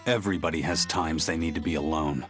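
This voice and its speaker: A stoic, world-weary swordsman, deep-voiced and laconic. It is cool game dialogue with soft music underneath. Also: quick pace.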